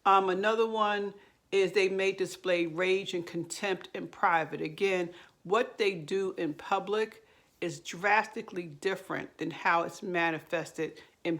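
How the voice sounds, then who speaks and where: A woman with a lowish, gravelly voice talks through advice in an earnest, explanatory way. She speaks straight to camera like a counselor and often pauses on fillers or restarts her sentences. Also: a bit bright. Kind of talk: direct-to-camera advice talk.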